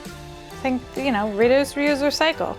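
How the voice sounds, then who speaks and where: A woman with a high, unhurried voice cooks and tastes food in an indoor kitchen, hosting a show full of casual chatter and exclamations. It's relaxed food-vlog talk set over soft background music.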